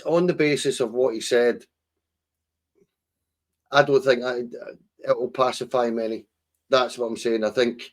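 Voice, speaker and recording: A Scottish man with a mid-pitched voice gives his view in a casual football chat. He weighs his words carefully and hedges what he says. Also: warm tone. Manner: considered, hedging. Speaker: podcast co-host.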